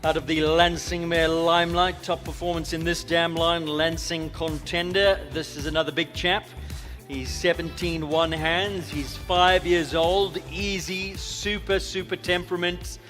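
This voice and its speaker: Male auctioneer for live horse sale; high, forceful voice, repeated bid calls and salesman patter, long hall reverb. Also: flat delivery, unhurried, faint music behind. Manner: repetitive, persuasive, salesman-like patter. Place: indoor auction ring with a sound system.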